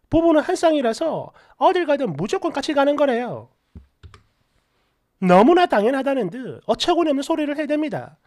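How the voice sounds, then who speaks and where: Brief: an indignant, sarcastic woman storyteller with a bright, animated, high-pitched delivery. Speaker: story narrator. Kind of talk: first-person story narration.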